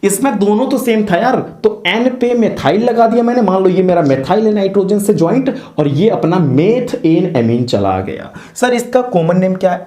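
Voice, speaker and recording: Man, chemistry teacher, playful and chatty, very animated pitch, echoey room. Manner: playful, asks students questions and answers in their voice. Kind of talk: chatty classroom explanation. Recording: roomy echo.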